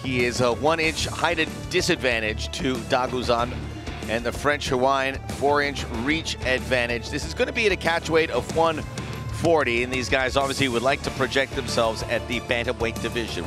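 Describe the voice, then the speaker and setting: A man's voice: medium pitch, moderate pace. A man doing live play-by-play commentary on a fight broadcast. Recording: music under broadcast commentary.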